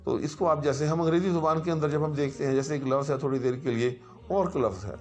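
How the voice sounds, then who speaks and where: A man teaching Arabic grammar in a patient lecture, who often checks in with "right" and recites word forms slowly one after another. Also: fairly high pitch, darkish tone. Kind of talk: explanatory lecture.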